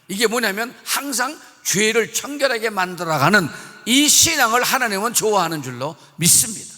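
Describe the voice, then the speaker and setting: A pastor preaches a revival sermon in a reverberant church sanctuary, his voice high, bright, and forceful, very animated at a normal speed. He is emphatic, repeats himself, and puts questions to the congregation.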